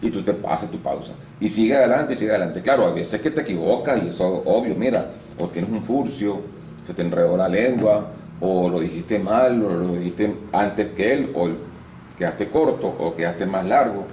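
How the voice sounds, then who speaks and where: A man's voice: sits low, normal speed. A man, an actor and voice-over artist in a casual interview, explaining at length and with some restarts. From Venezuela. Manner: explanatory, lively storytelling with restarts. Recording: roomy room with faint noise.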